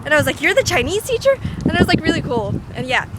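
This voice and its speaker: A teenage girl vlogs into a phone camera held at arm's length while waiting at a street bus stop, chatting casually, saying "like" constantly and putting herself down. She talks fast in a high voice with wide pitch swings. Loud traffic from passing cars and trucks fills the background.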